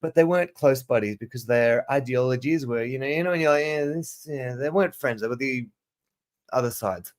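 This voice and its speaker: Male teacher on a livestream, mixed South African-Aussie accent, mid-pitch, digressive and self-correcting. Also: brisk. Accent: mixed South African and Australian. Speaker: teacher hosting a live study session. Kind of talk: casual livestream lesson. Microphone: camera mic.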